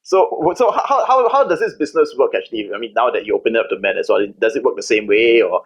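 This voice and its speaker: A man hosting a casual interview over a video call, asking questions with quick stumbling restarts. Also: medium pitch, lively intonation, slightly rough, highs cut off. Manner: fast, stumbling restarts, laughs easily. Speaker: interviewer host.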